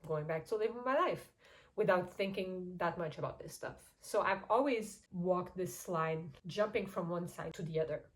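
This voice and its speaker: On a low-quality recording, a YouTube host (a young Portuguese woman using English as a second language) chats candidly to camera about something that happened to her. Her voice is lowish and moderately paced, and she laughs softly and often.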